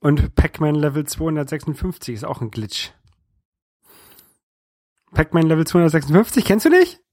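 Higher-voiced man in casual, halting chat. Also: lively intonation, a little mellow, no echo, studio quality. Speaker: podcast co-host. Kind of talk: casual chat about video games.

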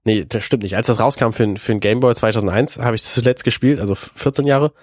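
A man's voice: medium pitch, fast talker, no room sound. A man in his thirties talks casually, his nose audibly stuffed up from a cold. He hesitates and searches for words as he co-hosts a gaming chat. The recording is dry, without room sound. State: stuffy nose from being ill, sounds congested. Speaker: podcast co-host. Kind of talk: casual chat about video games.

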